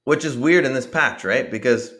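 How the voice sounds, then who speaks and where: A man co-hosting a podcast, working through card game rules out loud in casual chat with frequent restarts. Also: medium pitch, moderate pace. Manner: rambling, thinks aloud with many restarts and fillers. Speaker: podcast co-host.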